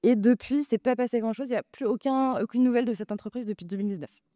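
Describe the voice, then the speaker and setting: A woman's voice: a little high, quick pace, mellow, no echo, clean studio sound. A woman arguing in a debate, hesitant with many filler sounds but insistent. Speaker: debate speaker, co-president of a data nonprofit. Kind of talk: debate argument.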